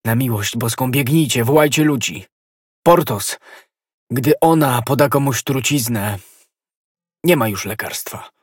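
A man playing an ardent young male musketeer, a desperate lover who exclaims loudly and urgently. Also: medium pitch, unhurried, long pauses, husky, no room sound, clean studio sound.

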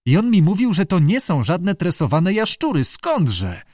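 Male reader as a wheedling little Irish deckhand for an audiobook; raised pitch, animated swings. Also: dry recording, studio quality, heavily acted. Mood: gossipy. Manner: wheedling, conspiratorial, quick to back down. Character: small chatty gossiping male Irish sailor. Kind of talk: audiobook character voice.

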